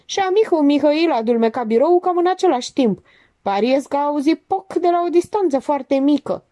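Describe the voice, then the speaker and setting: A woman's voice: high voice, lively intonation, mellow, no echo, voice pushed up. A woman doing a sneering, theatrical man. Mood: mocking. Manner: sneering, mock-polite, drawling. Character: mocking, theatrical man, cynical and smug.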